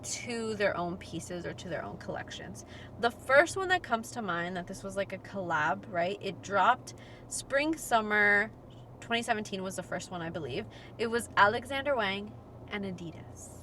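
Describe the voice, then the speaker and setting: A woman's voice: mid-range voice, expressive, moderate pace, sharp tone, a little hiss or hum. A young woman co-hosting a casual fashion podcast, chatty and full of fillers, laughing easily. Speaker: podcast co-host. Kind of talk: casual chat.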